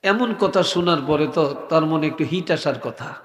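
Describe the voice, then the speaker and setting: A man preaching a sermon, telling a story slowly and softly, sometimes in a sing-song chant. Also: a little high. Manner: slow, soft-spoken storytelling, sing-song chanting at times. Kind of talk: Bengali waz sermon. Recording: echoey hall.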